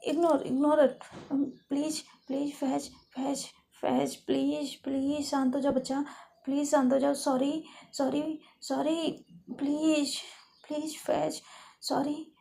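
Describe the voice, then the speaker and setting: A woman's voice: a little high, level tone, unhurried, creaky, warm tone. A woman voicing a jealous schoolgirl who stammers out repeated apologies. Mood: pleading. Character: jealous, remorseful schoolgirl pleading. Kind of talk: dramatic Hindi story reading.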